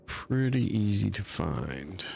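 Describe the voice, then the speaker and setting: Deep gravelly male game streamer. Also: very animated, takes it slowly, darkish tone, a little hiss or hum. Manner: rambling, self-mocking, talks to chat. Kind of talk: casual live-stream commentary.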